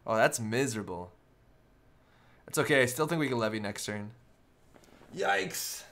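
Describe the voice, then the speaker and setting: A man's voice: medium pitch, sing-song, moderate pace, creaky, fairly bright tone. A man giving live, casual commentary on a card game, thinking aloud as he works through each play step by step.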